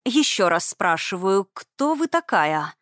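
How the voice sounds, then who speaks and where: A woman's voice: a little high, expressive, moderate pace, no echo, studio quality, lightly acted. A woman voicing a haughty young ex-fiancée who speaks in an icy, indignant, demanding manner, read as an audiobook character.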